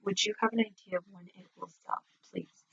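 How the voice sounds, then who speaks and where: A woman with a husky, slightly breathy voice speaks softly as a tarot reader, leaving drawn-out pauses in a casual spiritual reading. The sound is a little dull and echoes off the walls of a home bathroom. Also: medium pitch, steady tone. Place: indoors, in an echoing home bathroom.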